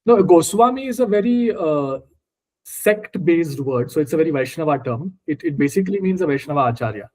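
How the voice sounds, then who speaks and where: In an informal lesson with questions, a man from India teaches scripture word by word, his Indian accent shaped by his first language, Marathi. He speaks briskly and expressively in a voice on the high side with a darkish tone.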